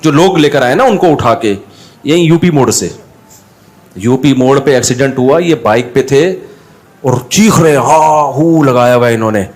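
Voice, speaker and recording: A middle-aged man telling anecdotes over a drawing video, animated and acting out other people's lines. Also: medium pitch, moderate pace. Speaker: drawing channel host.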